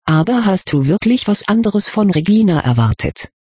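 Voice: medium pitch, very animated, normal speed, dark tone, slightly rough, no room sound, studio quality. A reader voicing a caring but decisive teenage schoolgirl, in a storybook reading. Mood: firm.

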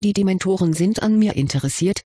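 Serious young wizard boy in a storybook, quiet and guarded, read by the narrator. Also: medium pitch, brisk, slightly rough, no echo, studio quality, lightly acted. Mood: subdued. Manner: subdued, hiding his fear. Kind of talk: audiobook reading.

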